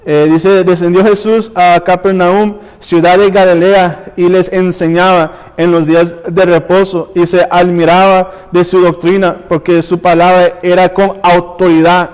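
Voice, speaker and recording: A man's voice: high-pitched, level tone, a little slow, few pauses, clear, resonant tone, in a large hall. A man preaching and reading scripture aloud, often stumbling and restarting words. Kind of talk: sermon with Bible reading. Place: church.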